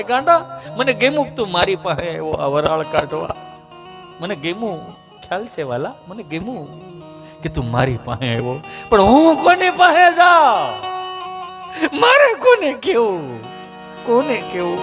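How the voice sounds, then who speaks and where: Man playing a kindly doctor who scolds fondly, high voice, guitar faint behind. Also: big pitch swings, normal speed, fairly bright tone, full character voice. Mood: tender. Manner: consoling, affectionate scolding. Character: sympathetic older male doctor, choked up.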